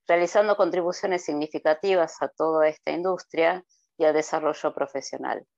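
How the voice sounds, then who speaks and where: Deep and darkish, this middle-aged woman's voice comes through a muffled recording with no echo. She's from Argentina and appears as a guest presenter on a video-call podcast, explaining conversationally with frequent hesitant fillers.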